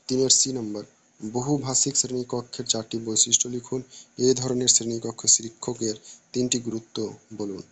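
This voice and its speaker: A man reads out exam questions one by one, in a level, even voice with little rise and fall. He moves through the answer choices at a measured, steady pace, stopping now and then to restart a word. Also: mid-range voice, slightly rough. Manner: flat, steady reading with small restarts. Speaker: teacher reading an exam paper. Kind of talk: reading exam questions aloud.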